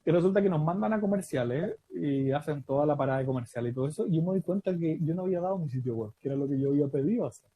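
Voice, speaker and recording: A Chilean man in his thirties tells a story casually and with animation, slipping into the voices of the people in it and laughing along the way. His voice sits a little high for a man, with a mellow, soft tone and a husky edge. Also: very fast, few pauses, no room sound, rough recording. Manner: animated, laughing often, acting out quoted dialogue. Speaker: guest storyteller. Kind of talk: casual anecdote telling.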